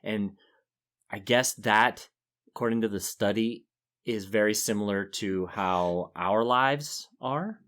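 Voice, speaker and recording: A man's voice: on the low side, slow pace, a bit bright. A man co-hosting a podcast in casual chat, talking easily and laughing often. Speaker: podcast co-host.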